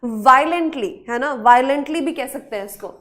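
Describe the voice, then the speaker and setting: A woman's voice: high-pitched, normal speed, fairly bright tone. A woman teaching an online spelling and vocabulary class, mixing Hindi with English words and coaxing students by repeating each question and answer.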